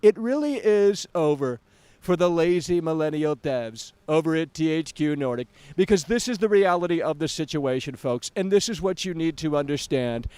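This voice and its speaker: A man with a notably high voice tears into a video game during a live stream. He is bombastic and mocking, loops back to the same phrases over and over, and talks himself up without pause. The sound is close and completely dry, with no room behind him. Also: expressive, darkish tone, smooth, no echo. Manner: bombastic, repetitive, mocking, self-aggrandizing. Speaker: video game critic livestreamer. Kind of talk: ranting live game review.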